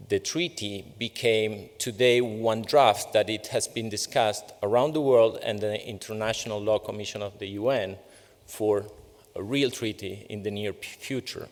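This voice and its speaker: A man hosting an event, giving a formal speech at a podium to introduce a speaker. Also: fairly low pitch. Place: large courtroom. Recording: echoey hall with long reverb.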